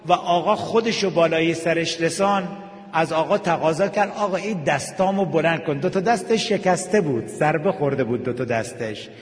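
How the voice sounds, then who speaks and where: Man preaching, higher voice, emotional storytelling sermon, long echoing hall reverb. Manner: emotional, slows and drops to near whisper for tender moments, rises with sung passages.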